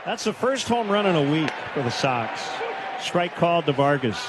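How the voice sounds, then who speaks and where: A man's voice: fairly high pitch, very animated, a crowd in the background, background noise. Man calling baseball play-by-play on radio. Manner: brisk calls that rise into shouted home run calls. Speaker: play-by-play announcer.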